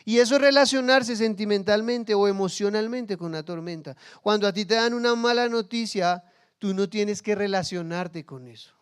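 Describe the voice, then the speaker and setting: Man, pastor, sermon, high voice, smooth resonant tone, humorous storytelling. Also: moderate pace. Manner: humorous, acts out everyday scenes in quoted voices.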